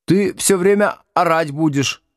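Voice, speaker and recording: A man's voice: a little high, unhurried, no echo, clean studio sound, pitched above the performer's own voice. A man voicing a timid, naive teenage boy in an audiobook. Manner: timid, modest.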